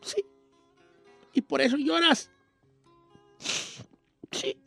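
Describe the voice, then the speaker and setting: A man's voice: very high-pitched, expressive, drawn-out words, creaky, sharp tone, dry recording, faint music behind, exaggerated voice. A man voicing an old Mexican rancher with a Mexican accent, hosting a radio show and telling a rambling, self-mocking comic story. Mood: folksy storytelling.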